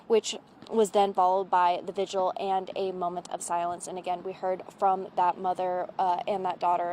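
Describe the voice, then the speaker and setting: A woman field reporter giving a live news report outdoors at an evening event, speaking in a steady, deliberate way with stressed pauses. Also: medium pitch, a little hiss or hum.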